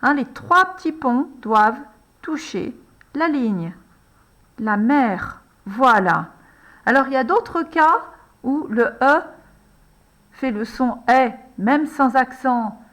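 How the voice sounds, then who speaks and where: Slow, patient woman teaching handwriting. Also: sits high, lively intonation, fairly bright tone. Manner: patient, addresses the child as tu, frequent "alors" and "hein". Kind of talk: slow step-by-step handwriting lesson for a child.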